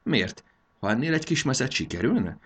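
A man's voice: mid-range voice, big pitch swings, fairly bright tone, breathy edge, pitched above the performer's own voice. A man voicing a tiny fairy girl who pouts, teases and coaxes her friend. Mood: teasing, coaxing. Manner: pouting and teasing. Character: tiny cheeky fairy girl, eager and teasing.

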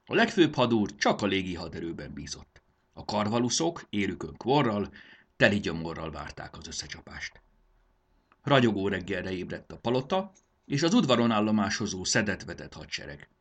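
A man's voice: low voice, very animated, husky. A man narrating a storybook expressively, doing voices for the characters.

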